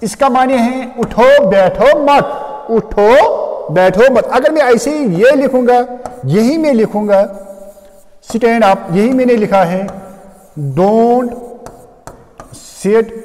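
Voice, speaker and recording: A man's voice: very high-pitched, a little mellow, in a large hall. A male teacher giving a classroom grammar lecture, explaining step by step and often checking what the students already know.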